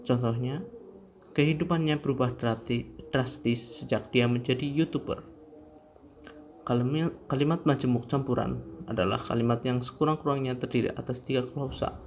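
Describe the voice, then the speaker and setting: A man's voice: mid-range voice, fairly even intonation, moderate pace. A young man reads a grammar lesson aloud in a class presentation, in a plain mid-range voice. He reads steadily from notes, tripping over words and restarting them. A faint hiss of noise sits under the recording. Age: young adult. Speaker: student presenter.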